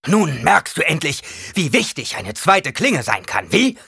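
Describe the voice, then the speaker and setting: A man voicing a stern, gruff male weapons master who scolds in a raised, forceful voice for a storybook reading. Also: fairly low pitch, animated, brisk, dry recording, studio quality. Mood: stern, scolding.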